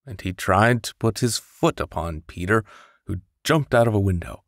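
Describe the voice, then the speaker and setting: Speaking into a nearby studio condenser mic with no room sound, a man with a fairly low, expressive voice narrates a bedtime story at an ordinary pace. He plays it up theatrically, using whispers and sound-effect voices.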